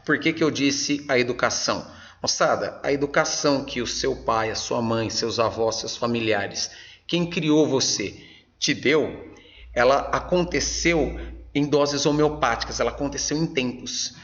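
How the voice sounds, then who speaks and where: A man's voice: medium pitch, a little slow, fairly bright tone, dull audio. A man with a Brazilian Portuguese accent teaching a casual, upbeat lesson to exam students, often checking in with his class in slang.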